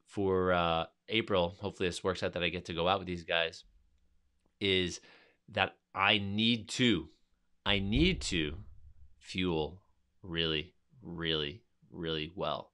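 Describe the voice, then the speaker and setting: A man from New York, hosting a podcast, telling a long personal story in a rambling, energetic way and acting out what people said. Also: deep voice, a little slow, clear, resonant tone. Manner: rambling, energetic, acts out quotes. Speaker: podcast host. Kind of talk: casual storytelling monologue.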